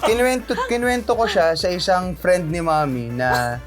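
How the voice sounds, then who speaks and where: A fairly high-voiced young man tells a personal story as an interview guest. He is animated, laughs often and acts out the people he quotes. Faint music plays underneath. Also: normal speed. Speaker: actor guest.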